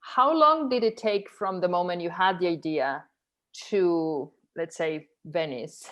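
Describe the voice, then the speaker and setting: A woman's voice: lowish voice, unhurried, fairly bright tone. A woman who programs for a film festival, moderating a Q&A over a video call. She speaks hesitantly, with many ums and uhs. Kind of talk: festival Q&A conversation.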